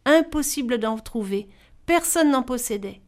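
A woman reading a fairy tale aloud as storyteller, expressive and varied in delivery. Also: sits high, a little slow.

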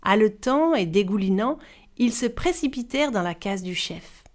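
A woman narrating a storybook tale aloud, expressive and giving each character a voice. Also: mid-range voice, normal speed.

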